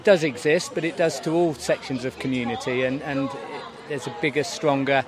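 A man's voice: medium pitch, steady tone, moderate pace. A middle-aged man telling heartfelt personal stories as a parent in an interview. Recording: busy outdoor crowd behind. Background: crowd outdoors.

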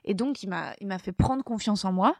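A woman's voice: medium pitch, animated, fairly quick, no room sound, clean studio sound. Rambling, self-doubting woman telling her story. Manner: rambling, self-deprecating, hesitant. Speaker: podcast guest, first-time author. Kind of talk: casual storytelling.

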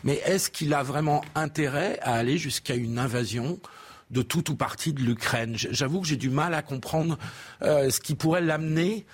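A man on a TV panel poses a question, hesitant and searching for his words. His voice is husky. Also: on the high side, normal speed. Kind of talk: studio debate question.

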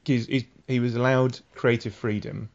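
A man's voice: medium pitch, flat delivery, moderate pace, creaky, dull audio. A man hosting a casual podcast chat, patiently explaining the backstory of a comic series. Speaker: podcast host.

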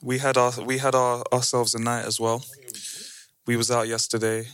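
A man's voice: medium pitch, little pitch movement, moderate pace, a bit bright, smooth. A man with a London roadman accent chatting casually in slang as a podcast co-host.

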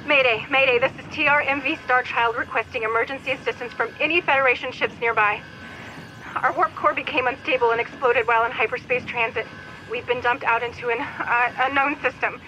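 A woman playing a young mother who pilots a cargo starship, talking warmly and apologetically in a recorded message. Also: on the high side, fairly even intonation, a little fast, a little hiss or hum, rough recording. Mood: urgent. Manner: warm and apologetic.

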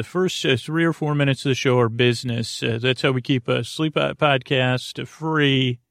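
A man hosts a bedtime podcast for sleep, rambling in a creaky, mid-range voice. His lulling, hesitant monologue meanders and keeps drifting into tangents. The studio sound is clean, with no room sound at all.

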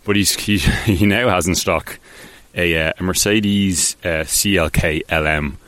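A man's voice: deep voice, fairly even intonation, unhurried, fairly bright tone, dry recording. A man hosting a casual solo podcast, rambling along with many ums, restarts and offhand, self-deprecating asides. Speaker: podcast host.

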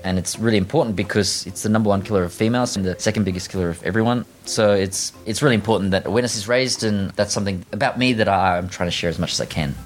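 A man's voice: lowish voice, racing, few pauses, faint music behind. A man actor speaking sincerely and earnestly in an interview. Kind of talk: interview answer.

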